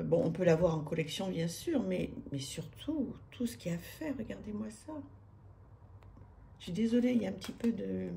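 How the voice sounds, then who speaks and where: Gravelly-voiced woman, hesitant chat. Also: mid-range voice, dark tone, a little hiss or hum. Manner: hesitant, many fillers and restarts, enthusiastic. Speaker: tarot reader presenting her decks. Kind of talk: casual chat to camera. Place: home room with street noise outside.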